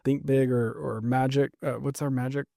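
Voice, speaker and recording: A man's voice: mid-range voice, level tone, normal speed, gravelly, dark tone, dry recording, clean studio sound. A man co-hosting a podcast, talking animatedly, acting out quotes and often checking in with "right?". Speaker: podcast co-host. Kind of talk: casual podcast conversation.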